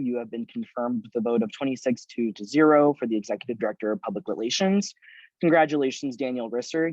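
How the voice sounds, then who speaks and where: A man runs a formal meeting over a video call, reading out votes and agenda items in a measured, procedural way. The audio is dry and a little muffled, with the dull sound of a video call. His pitch sits in the ordinary middle range. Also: a little mellow, dry recording. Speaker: meeting chair.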